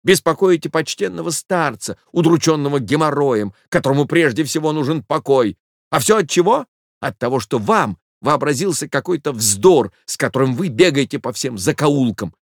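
A man's voice: on the high side, animated, normal speed, no room sound, studio quality. A man voicing a cocky young man who scolds in a mocking tone. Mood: scolding.

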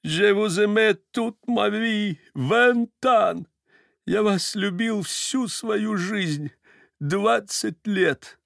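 A man's voice: very high-pitched, steady tone, extremely slow, clear, resonant tone, no echo, studio quality, voice pushed up, full character voice. An actor playing a sentimental, tearful elderly nobleman who slips French into his speech, in an audiobook reading. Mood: tearful confession. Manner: breathless pleading, mixing in French. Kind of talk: audiobook character voice.

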